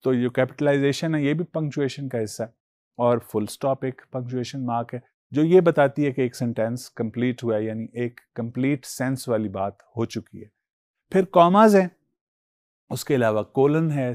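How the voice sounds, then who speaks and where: A man's voice: medium pitch, darkish tone, dry recording. Guy teaching a class, patient explaining, dry close sound. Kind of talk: classroom lecture.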